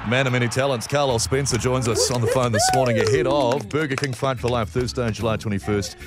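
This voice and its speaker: A man's voice: medium pitch, big pitch swings, quick pace, loud music behind the voice. A man hosting a casual breakfast radio interview. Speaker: radio host.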